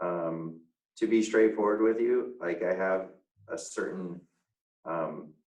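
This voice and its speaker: A man, a real estate agent, answering interview questions over a video call in a halting way, with many fillers and restarts. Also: sits low, a little mellow, echoey room, recorded from a distance, low-quality recording.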